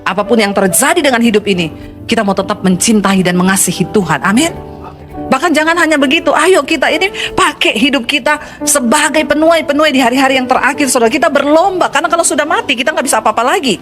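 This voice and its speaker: Middle-aged woman pastor, high-pitched, exclamatory sermon delivery over soft background music. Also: expressive, quick pace. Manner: emphatic, exclamatory preaching with sudden pitch leaps.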